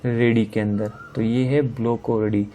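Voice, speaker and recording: A man's voice: medium pitch, little pitch movement, warm tone, slight background noise. Man teaching step by step. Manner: explains step by step, asks and answers own questions; reads English questions slowly, explains in Hindi. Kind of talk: online exam-prep lesson.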